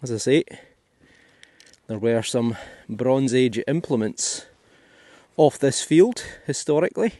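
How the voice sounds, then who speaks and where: A man's voice: medium pitch, animated, slow, dark tone, dry recording. A Scottish man giving chatty, thinking-aloud commentary as he digs finds in a field for his metal detecting vlog. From Scotland. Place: outdoors in a field.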